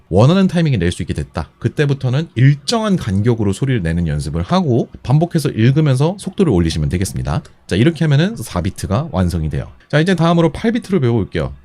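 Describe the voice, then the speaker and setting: A man teaching a beatbox lesson step by step, patient and methodical, repeating each instruction slowly. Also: mid-range voice, dark tone. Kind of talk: step-by-step tutorial explanation.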